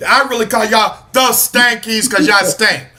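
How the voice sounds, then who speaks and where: A man with a high, bright, forceful voice, talking sports on a casual podcast. He is animated and loves to tease, trash-talking the teams he hates. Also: normal speed. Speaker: podcast co-host.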